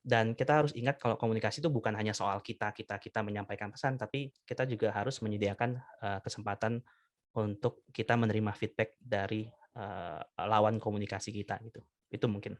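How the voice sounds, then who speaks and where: A man in his thirties, a lecturer and doctoral student, explaining ideas in a measured, lecturing way with many fillers. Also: on the low side, fairly even intonation, dry recording. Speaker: guest, communication lecturer and PhD candidate. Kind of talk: explanatory interview talk.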